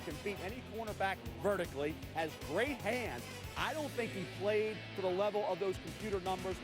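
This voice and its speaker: High-pitched male draft analyst, clipped phrasing. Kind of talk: live sports commentary.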